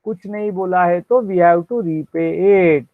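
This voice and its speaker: Slow-dictating Indian man teaching accounts, tinny. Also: sits high, no echo. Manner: dictates entries slowly, quizzes students. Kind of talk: classroom lecture mixing Hindi and English. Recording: dry, tinny phone-like sound.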